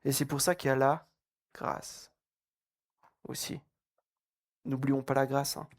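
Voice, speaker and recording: A man's voice: medium pitch, level tone, slow pace, dry recording. A young man giving a casual, joking sermon at a youth camp. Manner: joking, chatty, laughs often. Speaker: camp speaker.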